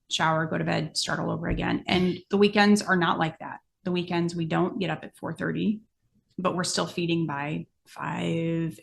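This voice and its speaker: A middle-aged American woman, a podcast guest who shows horses as an amateur, speaks in a fairly low, quite creaky voice. She talks plainly and conversationally, laying things out step by step in a casual, explanatory podcast chat.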